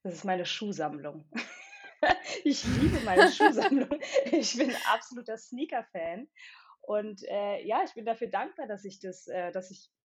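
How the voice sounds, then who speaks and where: A woman from Berlin, a company founder, talking as a podcast guest in a thoughtful, hesitant way with many filler pauses. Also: mid-range voice, big pitch swings, breathy edge. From Berlin, Germany. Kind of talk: casual interview chat.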